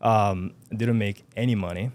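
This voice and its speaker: Low-voiced young man, hesitant speech. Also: fairly even intonation, measured pace, a little mellow. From Japan. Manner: hesitant, many fillers and restarts. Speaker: podcast guest. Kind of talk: casual interview chat.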